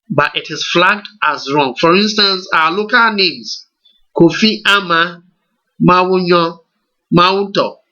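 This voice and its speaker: Recorded with a muffled sound, this software tutorial features a man whose voice sits high with a sharp tone. Speaking with a Ghanaian English accent, he guides learners one deliberate step at a time through a screen recording and slows down to ask rhetorical questions.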